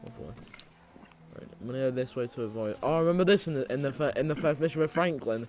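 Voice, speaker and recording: Excitable man calling out gameplay. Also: mid-range voice. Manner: excitable quick game callouts. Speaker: podcast co-host playing the game. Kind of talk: casual gaming chatter.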